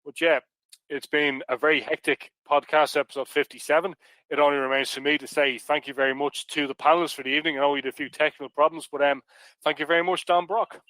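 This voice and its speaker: A man's voice: fairly high pitch, fairly even intonation, fast, pushed and bright, dry recording, rough recording. An Irish man hosting a casual podcast panel, jokey and chatty, plugging merch with frequent restarts. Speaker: podcast host.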